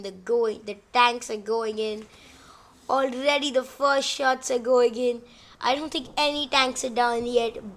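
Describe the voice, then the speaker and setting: A woman giving excitable gameplay commentary on a battle simulation, rambling, easily amused and counting units aloud. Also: on the high side.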